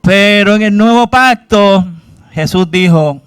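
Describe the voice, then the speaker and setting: A man's voice: high voice, slow pace, a bit bright, clear, resonant tone, no echo, studio quality. A man preaching a sermon, questioning his congregation and acting out cries to God. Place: church.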